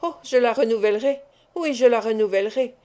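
A woman's voice: fairly high pitch, fairly quick, warm tone, close to an everyday voice. A woman doing a menacing scheming suitor. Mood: insistent. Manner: insistent, pressing, threatening. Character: scheming vengeful Spanish male suitor. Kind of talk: audiobook character reading.

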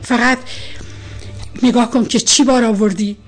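A woman's voice: fairly high pitch, steady tone, breathy edge, faint music behind. A woman voicing an angry, stern older male colonel who scolds his daughter in a storybook reading. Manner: shouting, scolding.

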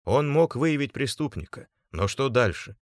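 A man reading an audiobook aloud in measured, even storytelling. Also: mid-range voice, dry recording, clean studio sound. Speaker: audiobook narrator. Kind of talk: scripted audiobook narration.

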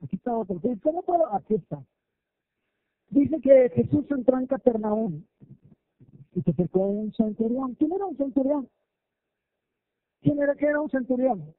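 A male pastor, preaching a lively sermon, acting out quoted voices and asking listeners questions. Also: very high voice, normal speed, long pauses, dry recording. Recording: tinny phone-like, dry sound.

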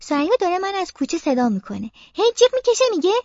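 Female audiobook reader narrating as a young girl; expressive, childlike, high and animated; dry, slightly dull recording. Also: no echo. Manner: childlike, expressive, playful sound effects. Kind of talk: first-person story narration as a young girl.

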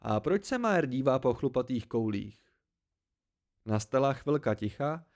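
A male reader telling a fantasy novel as a homemade audiobook, mid-pitched and steady. He keeps a calm storytelling pace through the narration.

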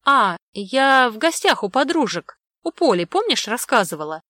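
A woman's voice: on the high side, very animated, moderate pace, fairly bright tone, no echo, studio quality, pitched above the performer's own voice. A woman reading aloud and voicing a cheerful young student daughter who talks eager and upbeat.

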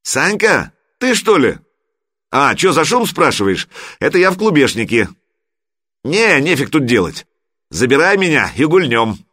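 A man's voice: fairly high pitch, very animated, a little slow, sharp tone, pitched above the performer's own voice, heavily acted. A man reading an audiobook who voices a fiery, jealous young woman, raising his voice and speaking stridently. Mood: brash.

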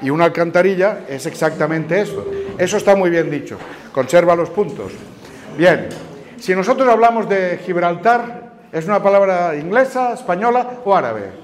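This teacher, a man with a Canarian Spanish accent, speaks in a high voice at normal speed during a talk on word origins. He patiently questions the crowd of students in a large room, where lively audience noise can be heard around him.

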